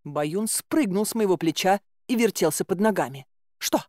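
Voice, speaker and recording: A woman narrating a first-person fairy-tale audiobook in a wry, expressive storytelling manner. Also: medium pitch, normal speed, no room sound, clean studio sound.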